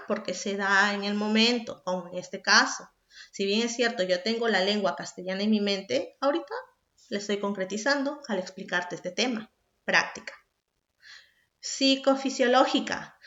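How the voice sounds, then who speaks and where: A woman's voice: on the high side, a bit bright. A woman from Peru, a secondary school teacher explaining a recorded class and speaking directly to the student with questions. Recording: echoey room, dull lo-fi sound.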